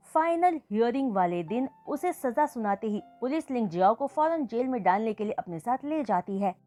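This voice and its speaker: A woman retelling a fan fiction story chapter by chapter in a steady storytelling voice. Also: on the high side. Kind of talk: storytelling recap narration.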